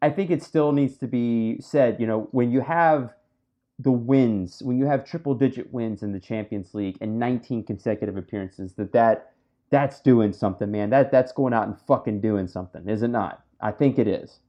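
A man's voice: mid-range voice, moderate pace, highs cut off. A man hosting a casual football podcast, talking bluntly and emphatically and swearing freely. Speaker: podcast host. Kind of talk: casual sports chat.

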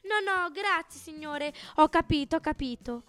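Woman reading as a shy curious little kid, timid, high voice, storybook. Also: expressive, moderate pace, fairly bright tone, no echo. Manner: timid, hesitant.

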